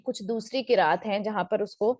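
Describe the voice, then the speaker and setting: A woman's voice: mid-range voice, moderate pace, darkish tone, dry recording, studio quality. A woman teaching Quran recitation rules in a recorded lesson, explaining step by step and putting questions to her students before answering them.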